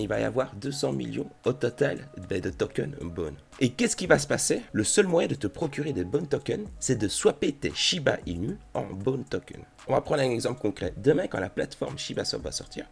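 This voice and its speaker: A man's voice: medium pitch, sing-song, a little fast, creaky, few pauses. A man talking casually through a crypto tutorial, addressing the viewer in a chummy way. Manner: chatty, addresses viewer familiarly. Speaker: crypto YouTuber.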